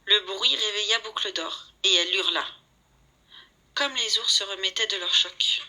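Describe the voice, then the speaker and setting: Storybook narrator: woman, very bright tone, a little husky, lively read-aloud delivery. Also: mid-range voice, unhurried, rough recording. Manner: lively, voices the characters' lines.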